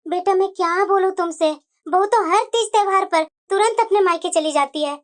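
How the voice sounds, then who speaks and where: A woman's voice: extremely high pitch, moderate pace, voice pushed down. A woman voicing an elderly mother in a cartoon, complaining in a plaintive, whiny way. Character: elderly mother, complaining about her daughter-in-law. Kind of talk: cartoon voice acting.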